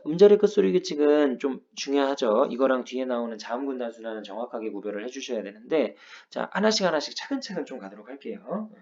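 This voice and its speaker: A man's voice: medium pitch, mellow, lo-fi sound. A man teaching a grammar lesson, explaining rules patiently step by step and checking in with his students. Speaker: Korean language teacher.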